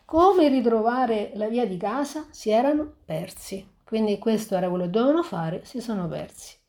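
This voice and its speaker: A woman reading a fairy tale aloud and pausing to reflect on it, talking in a halting way with frequent restarts. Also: fairly high pitch, animated, a little mellow. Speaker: storyteller.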